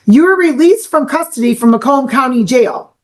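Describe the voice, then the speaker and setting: A woman's voice: high-pitched, animated, moderate pace. Stern young woman judge. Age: young adult. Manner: firm, stern, procedural. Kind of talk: courtroom proceedings.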